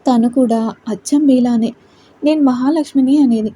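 Woman playing a young wife, storybook, gentle, respectful, thinking aloud, high, mellow. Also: normal speed, breathy edge. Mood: earnest.

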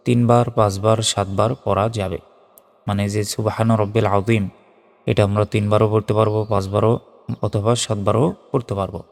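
A man teaching a lesson on prayer recitation, explaining patiently and slowly drawing out the recited phrases. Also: on the low side, vocal fry, a little mellow, big-room sound. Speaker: religious teacher.

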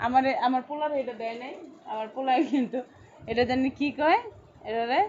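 An online clothing seller with a high-pitched, darkish voice chats briskly during a live-stream sale. Sizes get repeated and buyer names read aloud, all captured in dull lo-fi sound with faint noise.

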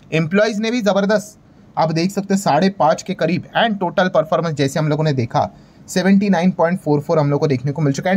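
Speaking in a high, slightly mellow voice, an Indian man delivers conversational explainer commentary over screen graphics as a market video host. He's casual and emphatic, hypes things up, and sprinkles in English terms along with repeated check-in phrases.

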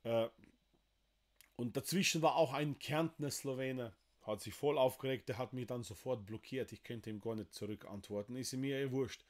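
A livestream host in his forties, originally from Slovenia, makes an appeal to his viewers in Slovenian-accented German. Seated in a wood-panelled room, he speaks in a mid-range voice, haltingly and emotionally, with plenty of fillers.

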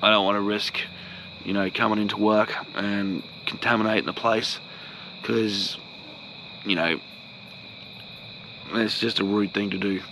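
A man's voice: fairly low pitch, steady tone, measured pace, pauses often, a little hiss or hum, poor audio. A young man talking casually in a vlog, sick and short of breath, rambling and laid-back. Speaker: vlogger.

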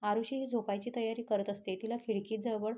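A woman narrating a romantic story, reading in a steady, even way. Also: fairly high pitch, fairly quick.

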